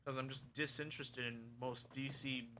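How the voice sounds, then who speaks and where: A young adult man talks casually over his gameplay stream, rambling from one frank opinion to the next. His voice has a strikingly bright, cutting edge at a mid pitch. A faint hiss of noise sits behind him. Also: steady tone, normal speed.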